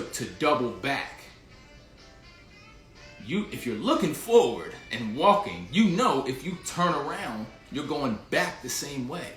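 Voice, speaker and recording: A man's voice: on the high side, a bit bright, roomy sound. A man hosting a casual livestream, telling a rambling story full of slang and restarts while greeting viewers in the chat. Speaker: livestream host.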